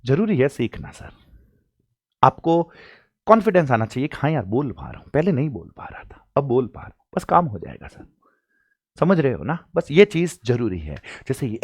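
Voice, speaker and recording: A man's voice: on the high side, big pitch swings, normal speed, dry recording, studio quality. A young man teaching an English class for exam prep, acting out his students' questions and then answering them himself.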